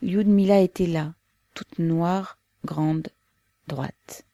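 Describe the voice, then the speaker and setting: A woman narrating a novel as an audiobook in a slow, measured, grave manner. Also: fairly low pitch, steady tone, mellow, no room sound, clean studio sound.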